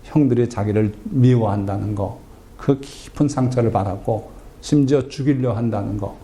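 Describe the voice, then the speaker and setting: A man's voice: mid-range voice, normal speed, warm tone. A man pastor preaching a sermon, telling a scripture story in a chatty, humorous way and asking the congregation questions. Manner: conversational storytelling with self-deprecating humor.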